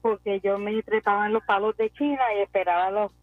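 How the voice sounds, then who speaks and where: A woman's voice: mid-range voice, fairly even intonation, quick pace, no room sound. A woman calling into a radio show, cheerful with brief answers. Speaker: caller. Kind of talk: phone call to a radio show. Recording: tinny phone line with faint music.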